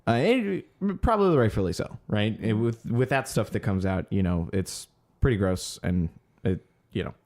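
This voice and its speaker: A man's voice: fairly low pitch, sing-song, moderate pace, hardly any pauses, a little mellow. A man co-hosting a casual podcast, going through music news with lots of ums and unfinished sentences. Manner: hesitant, many ums, trails off searching for words. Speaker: podcast co-host reading the news.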